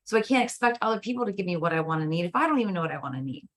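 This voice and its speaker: A woman's voice: on the low side, expressive, rapid-fire. A woman guest coach speaking in casual interview chat, emphatic and persuasive, leaning on rhetorical questions.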